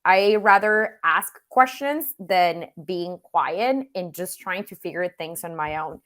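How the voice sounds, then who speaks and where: A Mexican woman whose first language is Spanish is a guest in a virtual Q&A interview, speaking English with a Mexican accent. She sounds earnest and reflective, saying "you know" often, in a lowish, fairly bright voice with lively intonation and a slow pace.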